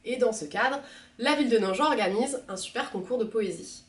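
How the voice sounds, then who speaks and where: A woman's voice: fairly high pitch, a little fast, distant mic. Woman reading poetry in a roomy space. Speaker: librarian. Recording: roomy, from the mic.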